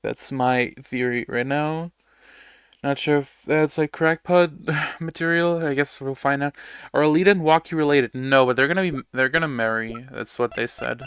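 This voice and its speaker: A man's voice: medium pitch, normal speed, fairly bright tone, clean tone, no room sound. A man chatting casually to his audience while streaming a game, rambling, laughing often and swearing now and then. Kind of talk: casual gameplay chat.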